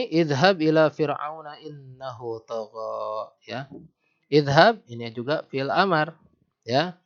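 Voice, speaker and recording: A man teaches Arabic grammar in a patient, questioning way and draws out each recited verse slowly. His voice is gravelly and sits in a middle range. The recording is dull and lo-fi. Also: medium pitch. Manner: patient, quizzes the listener, slows down to recite verses.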